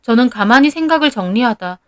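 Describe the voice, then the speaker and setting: A woman recounts her own story in the first person, sounding aggrieved and indignant. Her voice sits fairly high. The sound is dry and close, with no room around it. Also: expressive, fast, dry recording.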